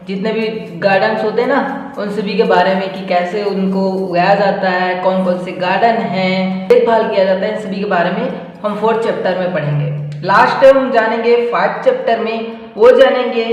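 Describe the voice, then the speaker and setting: A man's voice: high-pitched, lo-fi sound. Man teaching in a very echoey room. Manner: explanatory, repeats "theek hai" and asks rhetorical questions. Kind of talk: live online exam-prep lecture. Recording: very echoey room with long reverb and faint music.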